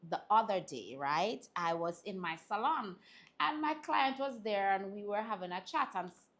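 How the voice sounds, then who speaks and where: A woman with a Jamaican accent hosting a talk show, chatting and telling animated stories in patois. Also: mid-range voice, moderate pace. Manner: animated storytelling in patois, laughs often. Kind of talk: casual panel chat.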